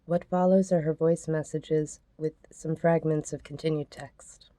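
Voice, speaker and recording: A woman podcast host reading out a message exchange in a soft, measured, earnest way. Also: low voice, steady tone, dry recording.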